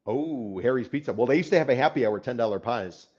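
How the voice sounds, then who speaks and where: A man's voice: medium pitch, lively intonation, fast, darkish tone, highs cut off. A man co-hosting a real estate talk show, explaining things casually with a sarcastic edge and repeated phrases. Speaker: real estate consultant, co-host.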